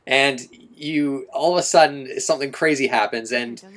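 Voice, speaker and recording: A man's voice: medium pitch, a little fast. A young man giving a casual video game review, rambling, with many restarts and fillers.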